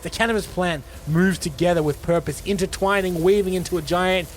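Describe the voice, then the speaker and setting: A man hosting a podcast, casually retelling a film script with animated delivery and frequent laughs. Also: high-pitched, a little fast, slight background noise. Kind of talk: casual storytelling chat.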